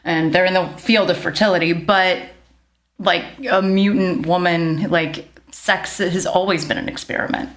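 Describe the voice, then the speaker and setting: A woman's voice: lowish voice, steady tone, moderate pace. A woman guest on a podcast, talking in a rambling casual way with lots of "like". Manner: rambling, heavy use of "like", laughs often. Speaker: nurse practitioner and midwife guest.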